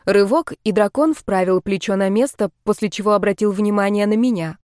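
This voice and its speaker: A woman narrating a first-person fantasy audiobook in an even, steady reading voice. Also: mid-range voice, fairly quick, dry recording, clean studio sound.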